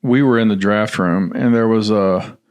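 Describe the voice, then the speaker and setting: A man's voice: on the low side, moderate pace, darkish tone. A middle-aged man from Tennessee, a guest on a podcast, telling rambling stories about his past work with many restarts and fillers. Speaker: guest, former football general manager. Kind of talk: casual storytelling interview.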